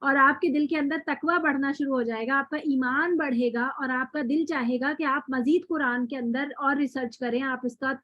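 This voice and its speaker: A woman's voice: sits high, steady tone, few pauses, dry recording. A woman teaching Quran recitation in an online class, praising students and then giving a motivational talk. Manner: encouraging, praising then lecturing with questions. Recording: dry, dull lo-fi online call audio.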